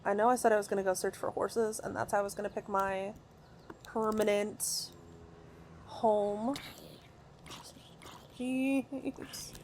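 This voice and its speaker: An excitable woman talks her way through a video game from her home recording room. Her speech rambles and doubles back, full of fillers and restarts. Her voice sits at a middle pitch, with faint ambience in the background. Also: moderate pace, slight background noise. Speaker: gaming video creator. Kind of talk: casual gameplay commentary.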